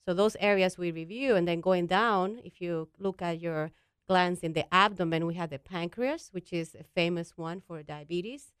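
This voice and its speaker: A woman from the Dominican Republic with a smooth, resonant and somewhat low voice. She explains medical ideas patiently and plainly, one step at a time, as a guest doctor. The sound is dry and close. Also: normal speed, no echo. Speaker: endocrinologist guest. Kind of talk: explanatory talk-show interview.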